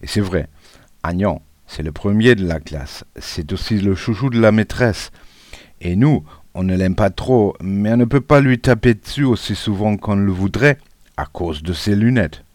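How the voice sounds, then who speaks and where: A man narrating a children's story in a lively, playful way. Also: on the low side, moderate pace, no room sound. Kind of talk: storybook reading.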